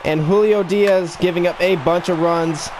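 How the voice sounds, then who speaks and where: Hiccuping all the while, a man with a high voice gives broadcaster-style play-by-play of a baseball video game at normal speed, getting more excited on the big plays. He's a gaming YouTuber recording in a room at home, with slight hiss or hum in the audio.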